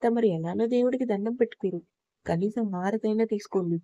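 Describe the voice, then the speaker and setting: A woman's voice: mid-range voice, fairly quick, mellow, no room sound, highs cut off, natural voice. A woman voicing a feisty young heroine who talks back with mocking sarcasm. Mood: sarcastic.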